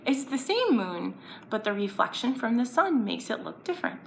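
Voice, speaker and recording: Here the story-time host sounds a little high and sing-song, with vocal fry and a moderate pace. She reads aloud and explains for children, playfully putting easy questions to young viewers, while the room echoes and background noise is audible.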